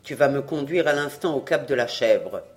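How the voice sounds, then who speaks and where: A stern, elderly village priest speaks low and firm, utterly resolute, as a reader puts him on. His words come hushed and controlled. Faint music plays quietly underneath. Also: fairly even intonation, a little slow, lightly acted.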